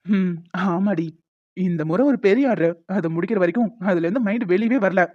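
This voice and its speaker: A woman voicing a playful young husband who coaxes his wife in an animated story. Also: medium pitch, a little fast, dull audio, close to an everyday voice. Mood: teasing. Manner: playful, coaxing.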